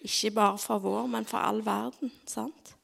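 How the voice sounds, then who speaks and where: A woman giving a devotional talk, telling a personal story expressively and often dropping into dramatic whispers, then praying softly. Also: a little high, fairly even intonation, vocal fry. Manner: soft, half-whispered prayer. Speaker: speaker at a devotional gathering.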